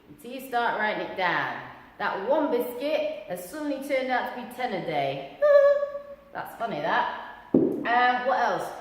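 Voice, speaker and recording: A woman giving a casual fitness talk as a coach, bubbly and cheeky, with whoops and asides. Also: medium pitch. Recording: echoey hall with faint noise.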